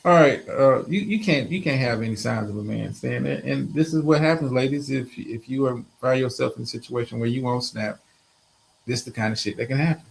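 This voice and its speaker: A man's voice: medium pitch, fairly quick, gravelly, few pauses, slight background noise, rough recording. A man co-hosting a casual live stream from home, giving blunt, profane commentary to his viewers. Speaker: stream co-host.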